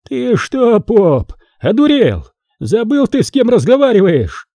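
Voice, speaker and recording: A man's voice: high-pitched, very animated, a little slow, dark tone, dry recording, clean studio sound, voice pushed up, full character voice. A man voicing a furious, arrogant Tatar envoy man who blusters and threatens in a storybook reading.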